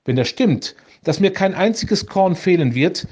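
A man's voice: high voice, lively intonation, a little slow, a little mellow, pitched above the performer's own voice. A man reading as a stern bearded ship captain.

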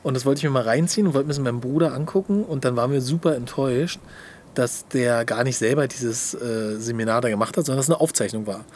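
A young man co-hosting a podcast in casual chat, telling stories in an animated, slangy way and laughing often. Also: medium pitch, quick pace, a little hiss or hum. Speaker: podcast co-host.

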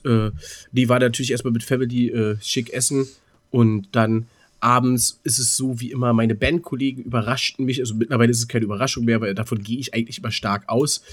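In a dry recording, a man of 27 speaks at medium pitch as a podcast co-host. He rambles through anecdotes in relaxed chat, stumbling into word repeats while he looks for what to say.

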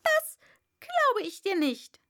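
A woman's voice: extremely high pitch, sing-song, slow, bright, forceful tone, voice pushed up, full character voice. A woman voicing an indignant female pigeon who shrieks and scolds in a sobbing complaint, as a character in a read-aloud story. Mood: scornful. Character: shrill, indignant female pigeon guarding eggs. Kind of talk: audiobook character voice.

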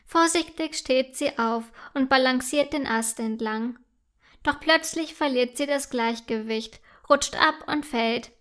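A woman telling a children's story, gentle and clear. Her voice sits high and her reading is slow and careful, with clean, expressive phrasing made for young listeners. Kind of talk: scripted children's story narration.

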